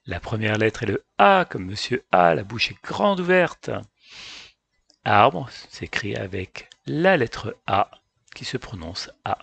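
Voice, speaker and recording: A man teaching a phonics lesson for young children, calmly addressing parents and carefully sounding out each letter. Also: on the low side, slow, gravelly, husky, dry recording. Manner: addresses parents directly, calm and patient.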